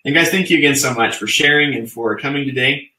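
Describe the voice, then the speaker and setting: Upbeat man pitching a webinar, bright voice. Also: fast, roomy sound, a little hiss or hum, rough recording. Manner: upbeat, chatty, with many fillers. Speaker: webinar co-host. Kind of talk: casual sales webinar talk.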